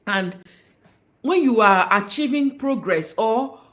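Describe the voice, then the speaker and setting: Animated woman giving relationship advice. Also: on the high side, slow pace. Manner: animated, dramatizing, emphatic repetition. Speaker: relationship life coach. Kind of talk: livestream advice talk.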